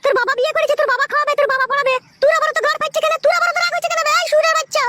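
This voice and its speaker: A woman voicing a shrill, foul-mouthed young wife, screeching insults in a comic skit. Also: steady tone, racing, heavy background noise. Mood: raging.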